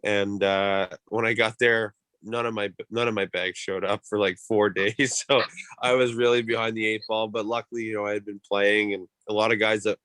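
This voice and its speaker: A man with a lowish, fairly even voice gives casual interview answers. He speaks as a hockey player recounting his season, loosely and conversationally, in a very dry recording. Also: moderate pace, clean tone, no echo. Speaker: professional ice hockey player being interviewed.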